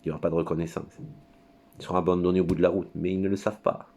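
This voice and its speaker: A man's voice: sits low, little pitch movement, rapid-fire, darkish tone. A man giving a rambling, crude monologue at his computer, full of hesitations and digressions. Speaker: commentator.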